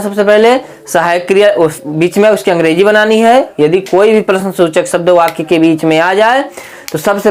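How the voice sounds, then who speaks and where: With a clean, high-pitched tone, a man leads a spoken grammar lesson. He keeps repeating himself and asking rhetorical questions, calling the class his friends throughout.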